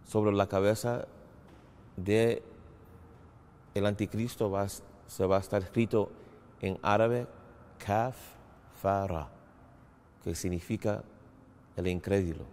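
A slow man with a low voice gives a short religious talk to camera, standing in a large, empty indoor hall hung with a banner. His tone is darkish and his intonation fairly even, and he speaks haltingly in short phrases broken by pauses. He wears a lapel mic, and the hall adds a long reverb.

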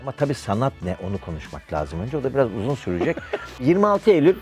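A man's voice: medium pitch, huge pitch swings, fast, a little mellow, faint music behind. A middle-aged man, an actor from Istanbul, chatting and joking as he answers interview questions. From Istanbul, Turkey.

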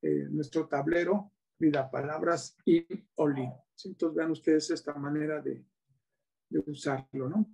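A man's voice: fairly high pitch, steady tone, a little slow, gravelly, warm tone, breathy edge. A man with a Mexican Spanish accent demonstrating teaching materials, patiently checking in with his audience as he explains. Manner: patient, asks many rhetorical checks. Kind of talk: classroom-style demonstration.

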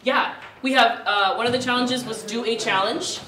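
A woman's voice: fairly high pitch, moderate pace, sharp tone, distant mic. A woman casually coordinating a group, laughing often and talking with many fillers. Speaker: challenge organizer. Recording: roomy echo, voice from off mic.

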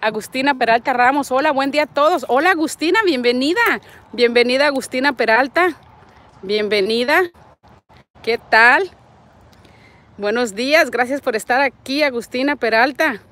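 Speaking at a moderate pace in a high, fairly bright voice, a Nayarit woman in her forties with a Mexican accent livestreams from a parking lot and a street. She chats affectionately, greeting viewers and reading their comments, using a wired earbud mic with the phone at arm's length.

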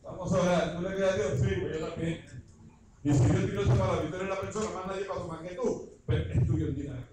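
A man with a very high, ringing voice preaches a fervent revival sermon, building to shouts. He is picked up from a distance in a large church hall, so the sound is heavily echoey, and there is noise underneath. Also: fast. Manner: impassioned, rising to shouts.

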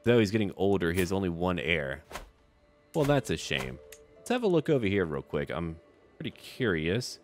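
Over background music, a male gaming video host talks through a strategy game in a casual, in-character way. His voice is low and very animated, moving at a moderate pace as he thinks aloud in brief remarks aimed at the characters.

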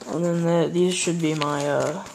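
A teenage boy hosting a casual fishing unboxing vlog at home, talking in a halting way with lots of fillers as he handles each item, filmed on a handheld camera. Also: a little high, fairly even intonation, creaky, heavy background noise. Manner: halting, unhurried, many fillers while handling items. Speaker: fishing channel host. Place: indoors at home, wooden floor with red rug. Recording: loud crinkling of plastic packaging. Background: bag crumpling and clicks.

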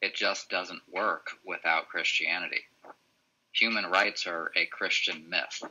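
A man's voice: low-pitched, fairly even intonation, measured pace, pushed and bright, breathy edge, muffled recording. A man leading a casual book club discussion on a video call, asking follow-up questions.

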